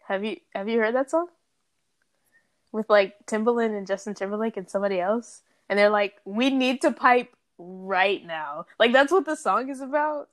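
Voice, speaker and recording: A woman co-hosting a casual podcast, blunt and profane in fast banter. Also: a little high. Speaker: podcast co-host.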